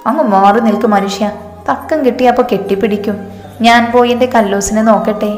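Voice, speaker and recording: A woman's voice: medium pitch, fairly even intonation, fairly quick, darkish tone, close to an everyday voice. Woman reading an anxious young heroine. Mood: pert. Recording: echoey reverberant room, faint music.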